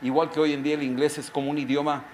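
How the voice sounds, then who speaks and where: Man, middle-aged, pastor, forceful sermon delivery, rhetorical questions, somewhat high pitch. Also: level tone, very fast, slight background noise. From Mexico. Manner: emphatic preaching with rhetorical questions to the listener.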